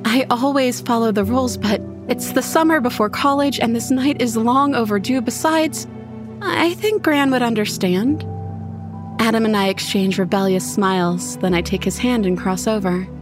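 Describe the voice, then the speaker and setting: A woman reading a first-person horror story in an intimate, expressive way. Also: fairly high pitch, moderate pace, over music. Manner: intimate, expressive, voices her own character's lines. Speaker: narrator.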